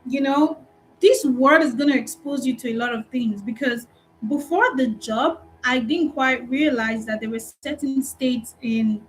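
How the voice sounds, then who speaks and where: A woman with a Nigerian accent, a customer support recruiter giving an animated, encouraging talk in a live online training session. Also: high voice, slight background noise, low-quality recording.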